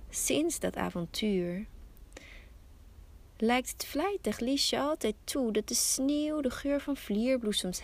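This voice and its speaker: A woman hosting a podcast, telling a fairy tale slowly and softly, often close to a whisper. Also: fairly high pitch. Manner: slow, soft storytelling, often near a whisper. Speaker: podcast host and storyteller.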